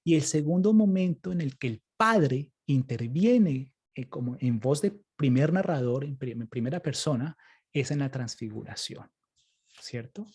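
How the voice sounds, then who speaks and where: A man's voice: medium pitch, animated, unhurried, a little mellow, breathy edge. A Colombian man, a priest, giving a Bible study lecture and patiently answering questions, often checking with his listeners. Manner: explains patiently, often tags sentences with "¿cierto?" and "¿sí?".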